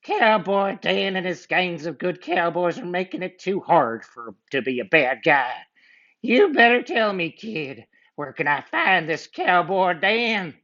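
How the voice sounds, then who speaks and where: A man voicing a mean, gruff cowboy outlaw with a drawl in a storybook reading, on a muffled lo-fi recording. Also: high-pitched, expressive, a little slow, bright, forceful tone, voice pushed up, heavily acted. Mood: menacing.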